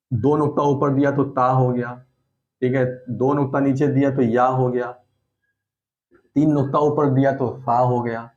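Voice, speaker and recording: Dull audio captures a man with a mid-range, slightly mellow voice teaching letter shapes in a recorded lesson. He goes over points more than once, patiently, pausing frequently to check in.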